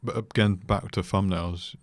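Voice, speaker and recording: A young British man chatting as a podcast guest, dry and joking in a deadpan way. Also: low-pitched, unhurried, dry recording. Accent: British English. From Britain. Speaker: podcast guest, creative director. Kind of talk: casual chat.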